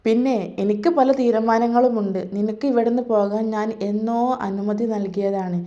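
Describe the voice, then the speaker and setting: A woman's voice: on the high side, steady tone, moderate pace, warm tone, muffled recording, lightly acted. A woman voicing a harsh young husband who scolds his wife curtly. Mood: scolding. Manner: curt, scolding.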